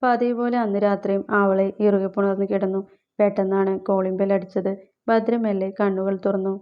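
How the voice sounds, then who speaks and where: A woman reading a scripted story aloud as narrator, in a steady, unhurried manner. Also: mid-range voice, dull audio.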